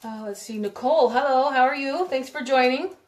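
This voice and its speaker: A woman's voice: high-pitched, brisk, roomy sound. A woman hosting a live crafting demo from her home craft room, chatting and rambling with viewers as she works with her hands. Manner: chatty, rambling, giggly, talks while working with her hands. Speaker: craft video host.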